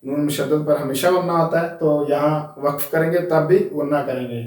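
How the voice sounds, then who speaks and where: A man's voice: a little high, fairly even intonation, moderate pace, a little mellow. A man teaching Quran reading, spelling out each letter and vowel mark, then blending and repeating the syllables with short rule explanations. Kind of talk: slow spelled-out recitation lesson. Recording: echoey room, voice from a distance.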